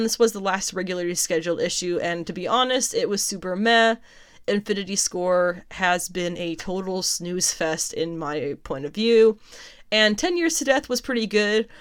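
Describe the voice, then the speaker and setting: A woman casually recapping and reviewing comics. She talks in a chatty, amused way, laughs often and swears freely. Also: mid-range voice.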